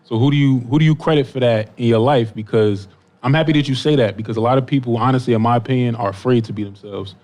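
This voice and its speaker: A man hosting a casual podcast, asking questions in a relaxed way with plenty of encouraging "mm-hmm"s. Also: mid-range voice, fast. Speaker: podcast host. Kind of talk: casual interview chat.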